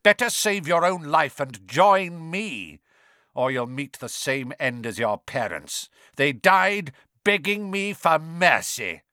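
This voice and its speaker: A man voicing a cruel, snake-faced dark wizard with a high, hissing, snarling voice in an audiobook. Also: sing-song, takes it slowly, no echo, studio quality, full character voice. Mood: menacing, mocking. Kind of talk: dramatic audiobook character voice.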